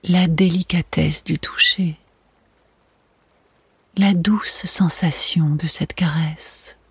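A meditation guide speaking in a soft, soothing, breathy spa whisper, gently narrating a relaxation exercise. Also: mid-range voice, steady tone, takes it slowly, no room sound. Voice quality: breathy, hushed.

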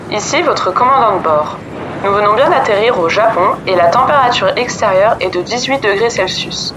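A woman's voice: mid-range voice, expressive, normal speed, noisy background, close to an everyday voice. A woman in the role of a podcast host, playing an airline captain who makes a formal landing announcement to passengers, as a pilot would from the cockpit. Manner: formal cabin-announcement delivery.

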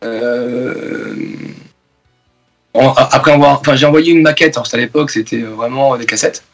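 In a casual radio interview, a French musician in his forties talks loosely as a guest, full of fillers and restarts. His medium-pitched voice has vocal fry and big pitch swings at a normal speed, with faint music in the background.

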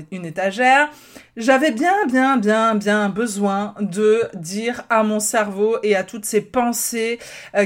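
A woman hosting a casual personal-development podcast, chatty, laughing often, with many fillers and restarts. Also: medium pitch. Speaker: podcast host.

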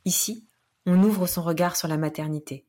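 A woman in her thirties hosting a podcast interview. Her voice sits slightly low, and she talks with many hesitations and small laughs. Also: normal speed. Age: 30s. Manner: hesitant, warm thanks with frequent laughs and fillers. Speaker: podcast host.

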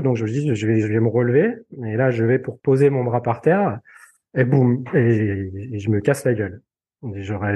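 A man telling a personal story in casual conversation, halting and full of fillers and repeated words. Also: medium pitch, dark tone. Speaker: podcast guest.

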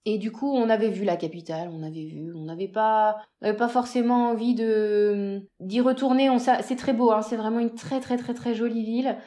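A woman being interviewed, chatting casually about a trip, animated and full of hesitations and repeated words. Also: a little high, brisk, few pauses. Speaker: interview guest recounting a road trip.

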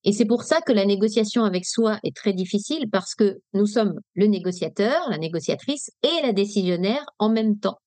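French woman from Nice, negotiation coach, lively and direct, dry close sound. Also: mid-range voice, normal speed, hardly any pauses, no room sound. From Nice, France. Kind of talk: webinar talk. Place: webinar, dry room.

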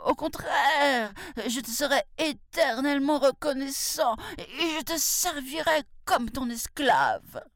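A woman's voice: fairly low pitch, animated, slow, clear, resonant tone, no echo, studio quality, voice pushed up. A woman voicing a trapped male tiger who begs to be freed and then threatens to eat his rescuer. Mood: pleading.

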